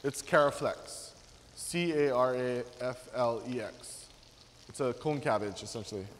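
In a large teaching kitchen, a Hawaiian man in his thirties works as a guest chef, showing a class how to make a dish. His medium-pitched voice is a little slow and loose, with lots of fillers and restarts, and the recording has a big-room sound with slight hiss or hum.

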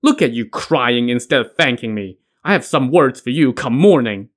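A man playing a hot-tempered, brutish male outlaw warrior in an audio story, loud and blunt. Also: medium pitch, lively intonation, normal speed, close to an everyday voice. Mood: roaring angry.

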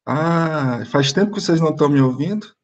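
A man's voice: fairly high pitch, expressive, brisk, highs cut off. A man teaching French online over a video call, explaining step by step and having his students repeat after him.

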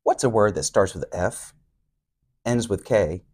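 A man in his forties telling dad jokes in deadpan banter, recorded on a lapel mic. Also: fairly low pitch, a little slow, slightly rough. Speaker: police training coordinator. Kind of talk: deadpan joke challenge banter. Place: indoor studio setup with cloth backdrop. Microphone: clip-on lapel mic.

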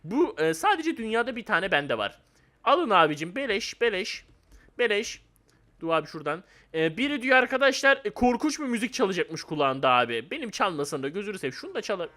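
Excitable high-voiced young man gaming. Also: fast talker, hardly any pauses. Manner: excitable, laughs often, teasing other players. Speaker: gaming YouTuber. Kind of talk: casual gameplay commentary.

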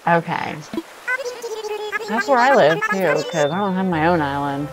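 A woman's voice: fairly low pitch, expressive, measured pace, low-quality recording. A middle-aged woman playing a video game for the first time, chatting playfully and talking to the game's characters. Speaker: gamer's mother playing a game. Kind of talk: casual play-along chat.

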